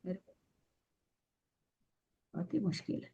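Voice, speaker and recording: A woman's voice: measured pace, mellow, lo-fi sound. A woman teaching an online scripture class, explaining patiently step by step while her audio cuts in and out over a weak connection. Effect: audio cutting in and out over a weak connection.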